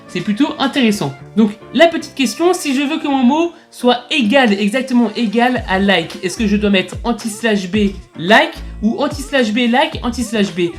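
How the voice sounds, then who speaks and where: Un homme qui explique pas à pas un tutoriel de programmation, sur un ton bavard, en invitant sans cesse à regarder et en épelant les lettres. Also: male voice, high voice. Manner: chatty, repeatedly urging viewers to look, spelling out letters. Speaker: coding tutorial host. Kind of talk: screen-recorded tutorial explanation.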